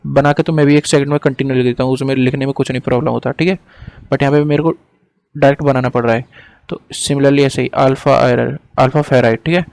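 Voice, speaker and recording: A male tutor talks through an on-screen diagram in a relaxed, chatty way. He slows right down to dictate definitions word by word, then speeds up to explain in between, with a middle-pitched voice. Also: gravelly. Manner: casual, apologizes for hesitating. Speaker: teacher. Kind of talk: lecturing over a screen diagram.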